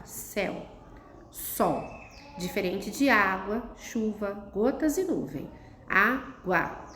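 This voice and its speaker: A woman teacher, patiently explaining a lesson to children step by step and checking in with "tá?". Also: mid-range voice. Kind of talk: recorded classroom lesson for children. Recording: echoey room, faint noise.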